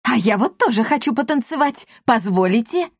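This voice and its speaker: A woman's voice: fairly high pitch, animated, normal speed, no room sound, clean studio sound. A woman voicing a sneering old villain apothecary. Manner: sneering, threatening. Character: nasty scheming old male apothecary.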